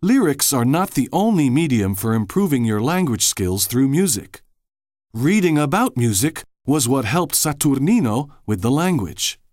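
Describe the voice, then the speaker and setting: A man narrating a scripted language-learning feature as the host, in a clear, lively delivery. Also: medium pitch, normal speed, no echo, clean studio sound.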